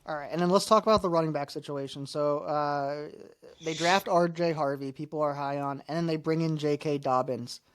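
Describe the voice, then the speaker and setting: A man co-hosting a podcast, chatting casually about fantasy football and running through stats with fillers and pauses. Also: on the high side, steady tone, smooth. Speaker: podcast co-host.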